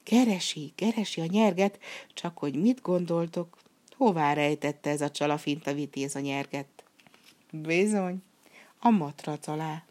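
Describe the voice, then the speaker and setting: Woman storyteller, low pitch, expressive fairy-tale reading.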